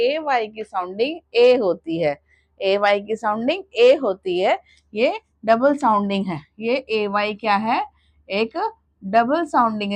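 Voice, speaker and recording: A woman teaching phonics to mothers, sounding out letters slowly and repeating each sound. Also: on the high side, dry recording. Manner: slow, drawn-out sounding out of letters.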